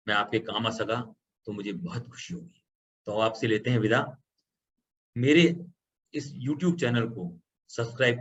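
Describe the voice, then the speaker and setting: Man, computer tutorial, patient step-by-step explaining, slightly muffled recording, faint background noise. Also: lowish voice. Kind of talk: screen-recorded software tutorial. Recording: slightly dull lo-fi audio with faint background hum.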